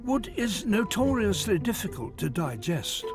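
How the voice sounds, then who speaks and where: A man's voice: high-pitched, big pitch swings, unhurried. A man reading scripted narration for a nature documentary as its narrator. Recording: music behind the voice. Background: background music.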